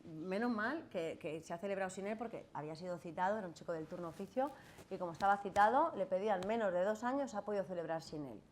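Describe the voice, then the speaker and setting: A woman's voice: mid-range voice, lively intonation, fast talker, slight background noise. A woman lawyer with a Spanish accent, giving a casual lecture to students and often checking in with "right?". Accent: Spanish from Spain. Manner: chatty, asks "¿vale?" and "¿no?" often, acts out quoted voices. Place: classroom.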